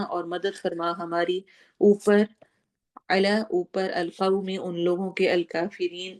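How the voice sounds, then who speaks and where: Slow, careful woman teaching Quran recitation. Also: lowish voice, darkish tone. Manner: explains word by word, drawing out recited words slowly; mixes English words into Urdu. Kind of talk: Quran lesson with tajweed and translation.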